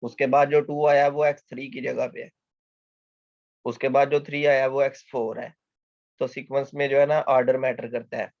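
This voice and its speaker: A male mathematics lecturer talks students through a lesson at a steady, patient pace. He repeats each point and poses questions that he answers himself. The recording is dull, lo-fi and dry. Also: mid-range voice, dry recording. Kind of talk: explanatory lecture.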